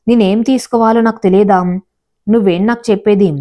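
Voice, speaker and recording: A woman narrator voicing a short-tempered young husband in a spoken storybook, gruff and bossy at times and pleading at others. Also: medium pitch, steady tone, a little fast, warm tone, natural voice. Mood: angry.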